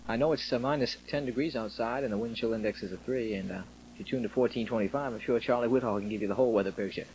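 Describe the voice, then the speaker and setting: Upbeat military radio host, noisy old tape. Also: male voice, medium pitch, racing, a little mellow. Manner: jokey, ad-libbed, conversational. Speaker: radio host, disc jockey. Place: small radio station studio.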